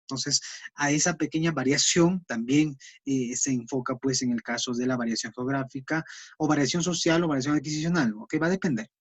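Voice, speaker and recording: A man's voice: medium pitch, fairly quick, husky, dry recording. A man, teaching a recorded class lecture in an explanatory way, full of fillers and tag questions. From Peru.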